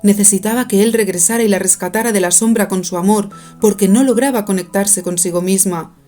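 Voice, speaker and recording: A woman narrating an audiobook in a calm, even storytelling manner. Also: medium pitch, brisk. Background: faint music.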